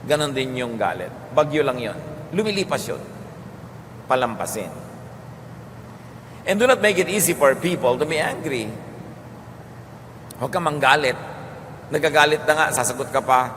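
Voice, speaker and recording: Filipino guy preaching calm and slow, long hall echo, bit of background noise. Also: mid-range voice. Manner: calm teaching, switching between Tagalog and English. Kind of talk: sermon.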